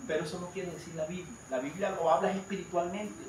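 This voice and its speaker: Emphatic preacher in an echoey hall. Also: male voice, high-pitched, steady tone, fast talker. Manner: emphatic, conversational, addresses the congregation directly. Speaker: preacher leading a Bible study. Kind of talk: informal sermon. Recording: echoey room, mic at a distance, light noise.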